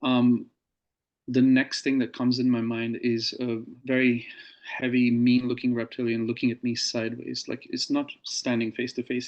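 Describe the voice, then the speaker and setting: Flat-voiced man telling his story. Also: medium pitch, muffled recording. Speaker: interview guest. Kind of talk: recounting a personal experience.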